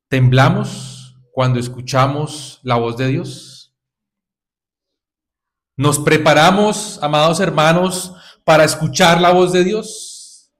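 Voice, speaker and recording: A man preaching a sermon to his congregation, exhorting them with repeated rhetorical questions and calls of "brothers". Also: on the high side. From Colombia.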